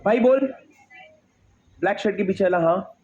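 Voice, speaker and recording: A young male teacher lectures a classroom in a high, ringing voice. He talks emphatically, repeats his questions and calls out to students at the back. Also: moderate pace, darkish tone, highs cut off.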